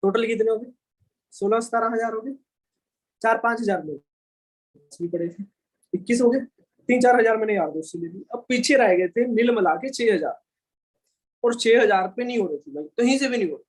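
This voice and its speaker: High-voiced young man telling a lively story. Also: normal speed, long pauses, poor audio. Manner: animated, colloquial retelling with frequent tag questions. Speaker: speaker at a business training session. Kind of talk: storytelling talk to a live audience.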